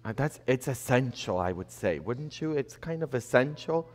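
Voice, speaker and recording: A man's voice: medium pitch, lively intonation, moderate pace, a little mellow. A middle-aged man, a priest, preaching a sermon from a church pulpit, building emphasis and tossing in rhetorical questions. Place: church sanctuary, indoors. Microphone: fixed camera at a distance, pulpit. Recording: long reverb of a church hall.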